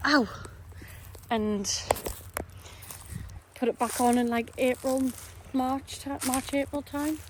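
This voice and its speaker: A woman's voice: high voice, slow, long pauses. Chatty woman vlogging outdoors. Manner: chatty, rambling, laughing asides. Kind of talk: casual vlog chat. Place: outdoors by a lake. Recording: outdoor noise.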